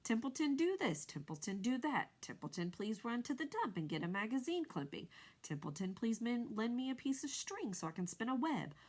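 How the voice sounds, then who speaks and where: A woman's voice: medium pitch, sing-song, moderate pace. Woman voicing a sneering lazy rat. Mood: sarcastic. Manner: sneering and mocking. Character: grumpy, lazy, sarcastic male rat. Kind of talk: storybook read-aloud.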